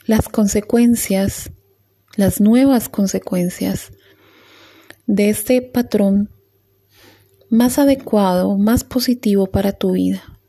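A woman leading a guided meditation in a soft, calm voice with long pauses. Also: medium pitch.

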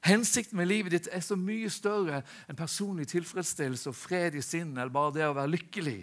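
Earnest male preacher, slightly high voice. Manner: earnest, with rhetorical questions and restarts. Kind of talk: sermon.

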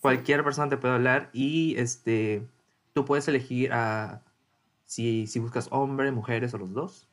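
A woman co-hosting a casual chat who explains things calmly and plainly. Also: rumbling low, slow.

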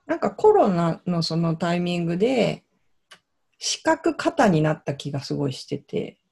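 A woman in a casual podcast chat, speaking thoughtfully and softly, with frequent backchannels. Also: on the low side, very animated, moderate pace, vocal fry, breathy edge. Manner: thoughtful, soft-spoken, many backchannels.

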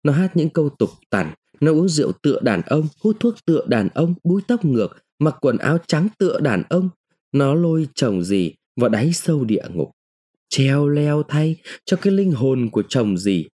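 A man reading a literary short story aloud in the first person, with an expressive, dramatic delivery. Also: a little high, moderate pace, breathy edge. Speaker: narrator.

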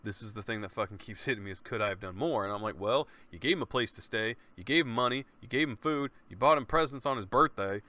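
Talking quickly with few pauses, a man hosts his own podcast in a pushed, bright, mid-range voice. The monologue is easygoing and earnest, full of "man" and the odd curse.

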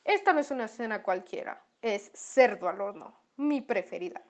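A woman's voice: on the high side, expressive, moderate pace, lightly acted. A woman voicing a hungry, greedy male fox in a storybook reading, smug and gloating.

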